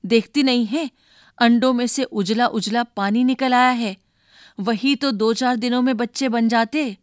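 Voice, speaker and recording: A woman's voice: fairly high pitch, fairly even intonation, unhurried, dry recording, studio quality, pitched above the performer's own voice, natural voice. A woman doing a bossy young boy. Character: bossy young boy, older brother, quick-tempered.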